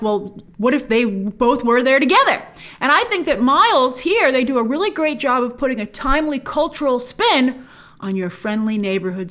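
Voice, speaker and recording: She hosts a movie review show, speaking directly to viewers with opinionated commentary and leaning hard on key words. Her voice is high and fairly bright.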